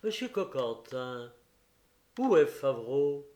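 A man's voice: fairly high pitch, big pitch swings, measured pace, a little mellow, echoey room. A man voicing a harsh, menacing female adventuress in an audiobook reading. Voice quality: harsh, threatening.

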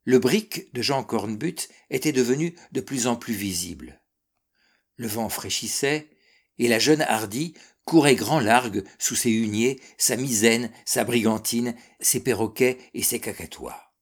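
A man narrating a classic seafaring novel as an audiobook, measured and expressive. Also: medium pitch, breathy edge. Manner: measured, expressive reading that darkens and softens in sad passages.

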